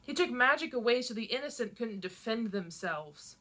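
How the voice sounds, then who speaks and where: A young rebel girl lashes out in anger and fear, her voice unsteady, as a woman reads her aloud. The tone is bright and cutting. It is a plain read-aloud of a novel. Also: fairly high pitch, animated, normal speed, voice pushed up. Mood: furious. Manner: heated, shaking with anger.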